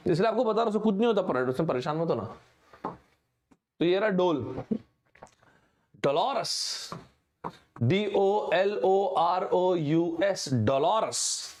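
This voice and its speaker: Brief: young male online teacher, slightly higher-pitched voice, joking Hinglish lesson patter that keeps calling the viewers friends. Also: a little mellow. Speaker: online exam-prep teacher. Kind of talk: lively Hinglish vocabulary lesson.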